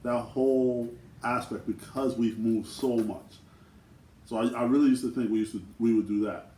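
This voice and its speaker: A man co-hosting a casual question-and-answer video with his twin brother, talking in a relaxed, slangy way. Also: medium pitch, moderate pace, distant mic. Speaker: co-host twin. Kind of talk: casual Q&A chat. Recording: echoey room with faint noise.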